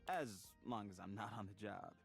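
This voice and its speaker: Henry Hoove, a chummy vacuum cleaner. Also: male voice, lowish voice, animated, a little fast, creaky. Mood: upbeat. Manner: upbeat, bouncy and chummy. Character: cheerful male talking vacuum cleaner, friendly and chatty. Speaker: dating game character. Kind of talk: video game voice acting. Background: game music.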